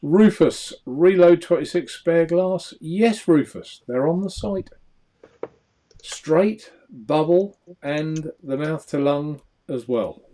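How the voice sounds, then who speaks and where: A man's voice: a little high, lively intonation, slow, mellow. A man co-hosting a casual live vape show, reading out viewer comments and laughing often. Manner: chatty, laughs often, trails off into mumbles.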